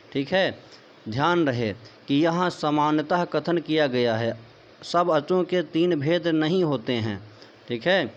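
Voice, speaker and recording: Guy teaching sanskrit grammar, kinda high voice, repeats stuff as questions, dull lo-fi audio. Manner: explanatory, repeats points as questions to the viewer, addresses them as friends. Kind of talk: online lecture explaining a text.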